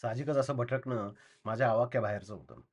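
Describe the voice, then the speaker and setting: A man reading a short story aloud in a calm, steady first-person narration. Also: mid-range voice, a little fast.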